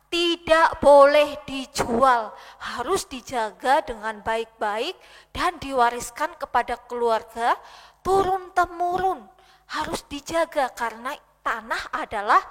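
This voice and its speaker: A woman's voice: high-pitched, fairly bright tone. A woman teaching Sunday school who tells a Bible story to children expressively and addresses them directly. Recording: long hall reverb.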